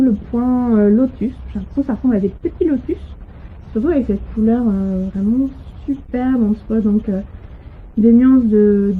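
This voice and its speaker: A woman chatting casually about her crochet and knitting projects at home, hesitant and full of fillers. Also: breathy edge. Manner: hesitant, full of "euh" and restarts. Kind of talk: casual show-and-tell chat. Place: home, on a sofa. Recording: tinny low-quality home audio.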